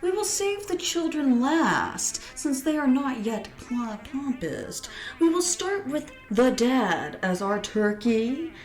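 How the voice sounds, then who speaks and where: A woman voicing a cold, mocking male alien invader who speaks slowly and taunts his captives. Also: high voice, sing-song, a little mellow, echoey room, soft background music, pitched above the performer's own voice, heavily acted. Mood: menacing. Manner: slow, sneering, taunting.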